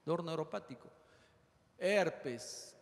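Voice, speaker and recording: A man lecturing medical students on pain, firing off rapid lists of causes and acting out the complaints of patients. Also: on the high side, animated, gravelly. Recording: reverberant lecture hall.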